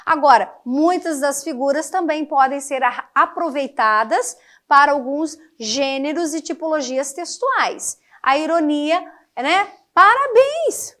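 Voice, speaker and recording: A high-pitched Brazilian woman teaches a class in a lively, emphatic way. She keeps asking her students whether they follow along. She sounds middle-aged. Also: unhurried. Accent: Brazilian Portuguese. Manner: lively, emphatic, checks in with listeners often. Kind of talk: classroom lecture on figures of speech.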